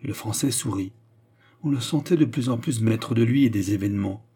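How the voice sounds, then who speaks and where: Mellow, husky male narrator. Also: mid-range voice. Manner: measured storytelling. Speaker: audiobook reader. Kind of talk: scripted narration.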